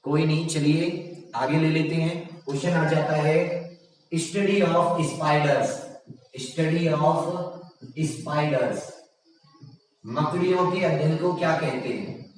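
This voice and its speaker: Echoey Hindi science teacher, drawling. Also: male voice, on the high side, slow pace, pauses often, far from the mic. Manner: drawls out answer options, praises students often. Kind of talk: online general science lesson.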